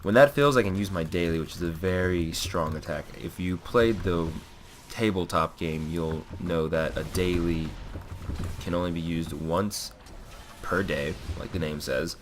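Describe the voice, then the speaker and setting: A young man whose low, deep voice is stuffy and nasal from a cold rambles through casual commentary on his own gameplay. He fills gaps with "uh" and "you know" and often corrects himself. Faint keyboard tapping from his desk and a noisy background sit behind him.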